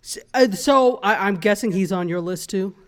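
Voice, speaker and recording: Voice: mid-range voice, normal speed. A speaker from Africa chatting casually as a panelist on a talk show, enthusiastic and full of restarts. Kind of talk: casual chat.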